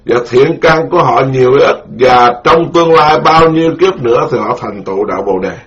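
Monk, slow and deliberate. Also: male voice, mid-range voice, fairly bright tone. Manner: slow, deliberate, repeats key terms for listeners. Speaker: Buddhist monk teacher. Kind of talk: Buddhist dharma lecture. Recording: dull lo-fi recording.

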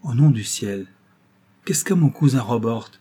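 A man reading the part of a frank, impulsive young woman who speaks in a lively, indignant way. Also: medium pitch, normal speed, breathy edge, natural voice.

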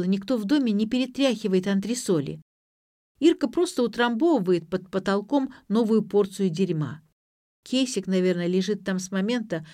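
A woman's voice: medium pitch, mellow, no room sound, studio quality, natural voice. A woman putting on a sarcastic young student girl. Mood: agitated. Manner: mocking, quick retorts.

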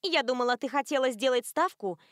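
A woman's voice: sits high, lively intonation, a little fast, dry recording, clean studio sound. A woman voicing a stern, curt woman friend. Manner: hissing, curt. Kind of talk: audiobook character voice.

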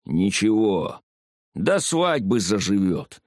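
A man voicing a stern old village herbalist woman who talks curtly and hoarsely in an audiobook. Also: on the low side, sing-song, no room sound, studio quality. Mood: gruff. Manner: curt, slow and commanding.

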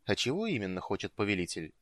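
A male audiobook narrator voicing a reserved, proud young mage who speaks curtly and calmly. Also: on the low side, fast, dry recording. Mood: guarded. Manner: curt, calm, guarded. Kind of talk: audiobook reading.

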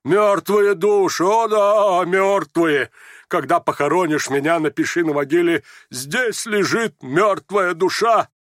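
A man voicing a distraught old drunken army general who rants in slow, stammering, theatrical exclamations. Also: sits high, a bit bright, no echo, clean studio sound, voice pushed up. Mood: wailing. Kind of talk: audiobook character voice.

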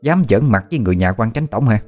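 A man voicing a shrill, cruel middle-aged woman, the wife of a village official, who bosses and threatens the villagers in a told story. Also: quick pace, soft background music, natural voice. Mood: furious. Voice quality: shrill, shrieking. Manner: bossy, mocking and threatening.

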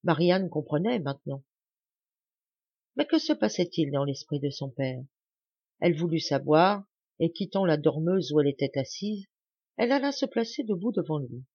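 A woman reading a classic novel aloud in an expressive, dramatic narration, recorded dull and muffled. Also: low voice, moderate pace, breathy edge, no echo. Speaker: audiobook reader. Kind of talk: scripted literary narration.

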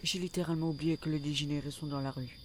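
A man's voice: on the high side, fairly even intonation, quick pace, noisy background. A man narrating a first-person audio drama in a tense, urgent way. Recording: loud music under the voice.

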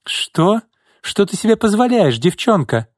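A man voicing a haughty, scheming woman who talks in a shrill, icy, sneering way. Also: very animated, measured pace, dry recording, clean studio sound, full character voice. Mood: cold scornful.

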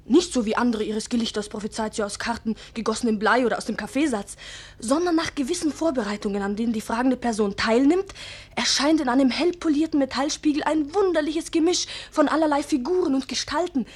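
A worldly young confidante in a radio drama. Her voice is high and rather breathy, with a teasing, persuasive manner. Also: fairly quick. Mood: confiding, persuasive. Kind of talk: radio play acting.

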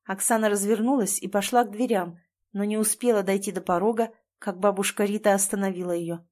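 A woman's voice: medium pitch, fairly even intonation, brisk, a little mellow. Woman narrating a story steadily.

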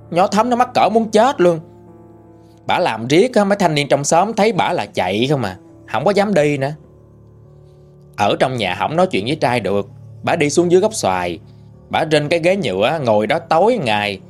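Lively Southern Vietnamese man telling a ghost story. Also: fairly high pitch. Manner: chatty, colloquial folk telling. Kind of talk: spoken ghost story narration.

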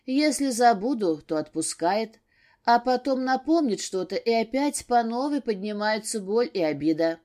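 A woman voicing a sharp-tongued, weary young married woman in an audiobook, snappy and sarcastic. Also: fairly high pitch, animated, moderate pace, natural voice. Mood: sad.

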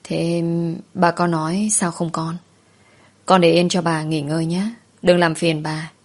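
A woman voicing a gentle young wife and mother who speaks softly and patiently. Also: on the low side, level tone, unhurried.

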